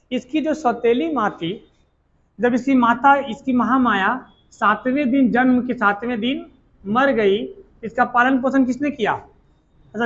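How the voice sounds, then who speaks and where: A man's voice: very high-pitched, fairly bright tone, lo-fi sound, slight background noise. Earthy male teacher telling stories. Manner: earthy colloquial storytelling, quizzing students. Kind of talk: exam coaching lecture told as a story.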